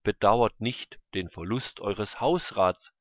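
A man voicing a pharaoh in a Bible story, giving generous commands in a slow, measured way. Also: fairly low pitch, no echo. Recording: dull lo-fi recording.

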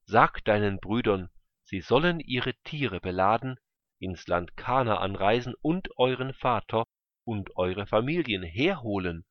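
A man voicing a pharaoh in a Bible story, giving generous commands in a slow, measured way. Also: lowish voice, animated, dry recording. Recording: dull lo-fi recording.

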